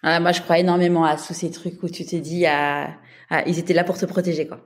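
Low-voiced woman hosting a podcast. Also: level tone, brisk. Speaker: podcast host. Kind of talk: conversational interview.

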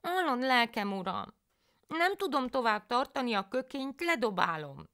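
A woman's voice: a little high, very animated, fairly bright tone, pitched above the performer's own voice. A woman voicing a foolish, cheerful young peasant wife in a folk tale, with naive, pleading speech.

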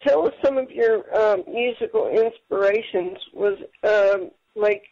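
A man's voice: high-pitched, measured pace, a little mellow, highs cut off, slight background noise. A man hosting an internet radio show, chatting casually with his guest and praising her generously. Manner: upbeat, full of praise.

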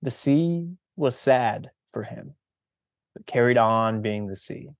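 Male presenter, teacherly read-aloud, unhurried delivery, mid pitch, dry close sound. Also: expressive, no echo. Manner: slow, deliberate, teacherly storytelling. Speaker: presenter reading a picture book.

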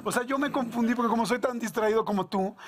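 A man with a Mexican Spanish accent, speaking rapidly in a high voice. He tells his story with animation and slang. He acts out each voice in the dialogue. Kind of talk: casual anecdote telling.

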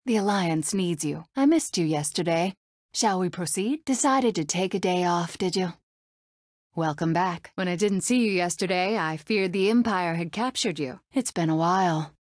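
A woman's voice: on the low side, normal speed, no room sound, clean studio sound, lightly acted. A woman voicing a young, fearless rebel princess for a video game, poised and commanding with a wry, courteous manner. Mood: urgent, teasing. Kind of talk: video game character voice clips.

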